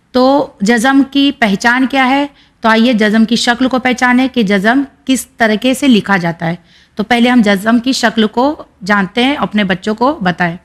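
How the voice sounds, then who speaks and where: A woman teacher with an Indian Urdu accent, patiently explaining a reading lesson and sounding out syllables slowly and clearly. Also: fairly high pitch.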